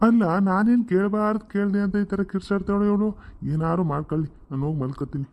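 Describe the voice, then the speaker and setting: A man's voice: sits high, flat delivery, fast, darkish tone, close to an everyday voice. A man voicing a mild, placating grown son and husband in a cartoon comedy, talking in a soothing way.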